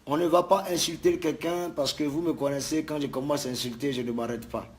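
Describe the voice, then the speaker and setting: A man's voice: fairly high pitch, fairly even intonation, brisk. A man giving an emphatic, repetitive video message to fans as a musician. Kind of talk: direct-to-camera video message.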